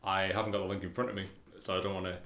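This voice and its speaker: A man's voice: low-pitched, flat delivery, rapid-fire, fairly bright tone, a little hiss or hum. A man co-hosting a podcast in casual chat, rambling, stumbling over words and laughing often. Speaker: podcast co-host. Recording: roomy echo.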